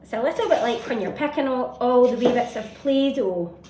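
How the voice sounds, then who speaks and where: Fairly quick and animated, a woman with a slightly high voice hosts a children's baking show, guiding kids step by step with simple encouragement. The indoor home kitchen sounds echoey and noisy, with utensils clattering around a distant mic.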